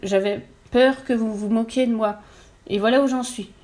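A woman's voice: fairly even intonation, normal speed, a little mellow, natural voice. A woman voicing a timid boy trapped in a mirror, stammering in a raised voice. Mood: earnest. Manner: stammering, higher pitched.

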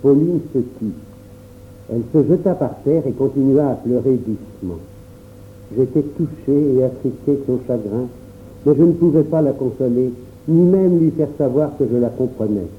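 A man tells the story in the first person at a calm, measured pace, with a mid-range voice. The sound is thin and phone-like, with a faint noise underneath. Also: mid-range voice. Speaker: narrator. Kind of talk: storybook narration. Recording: tinny phone-like audio with faint hum.

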